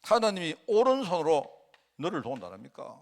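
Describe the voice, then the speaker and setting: A man's voice: fairly high pitch, very animated, fairly quick, creaky. A middle-aged male pastor giving a conversational sermon, asking rhetorical questions and acting out quotes.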